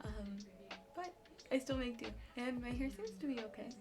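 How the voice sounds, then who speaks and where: A woman's voice: fairly high pitch, lively intonation, moderate pace. A young woman from Los Angeles with a lisp from new braces, chatting in a rambling, gushing way as a game streamer answering questions in a casual vlog. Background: background music.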